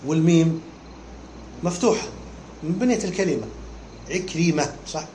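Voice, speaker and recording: A man's voice: on the high side, moderate pace, darkish tone. Teacher quizzing his students. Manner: keeps checking understanding with short questions. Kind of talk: classroom lesson explaining a text. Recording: echoey room with faint background hum.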